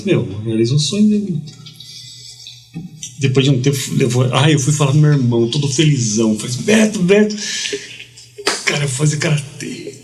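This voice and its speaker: Man telling a lively slangy story. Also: mid-range voice. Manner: lively storyteller, slangy, quotes people in dialogue. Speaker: guest. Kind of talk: casual storytelling.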